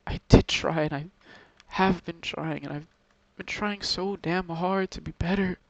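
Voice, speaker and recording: An upset young man records a confessional vlog, near tears and sighing as he speaks. His voice sits a little high and has a gravelly fry. He talks haltingly, stopping and restarting often. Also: fairly even intonation, a bit bright, no echo, highs cut off. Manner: halting, with many pauses and restarts. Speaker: video creator talking to subscribers.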